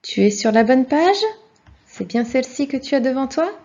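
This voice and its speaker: A woman's voice: high-pitched, expressive, normal speed, mellow. A woman teaching a children's video lesson, speaking patiently and encouragingly and addressing the child directly. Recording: dull lo-fi sound.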